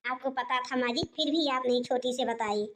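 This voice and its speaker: A chatty, sensible elder daughter-in-law from a cartoon, as a woman voices her. She talks at length, explaining her point, in a very high voice. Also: moderate pace, fairly bright tone. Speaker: cartoon narrator and voice actor. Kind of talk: cartoon voice acting.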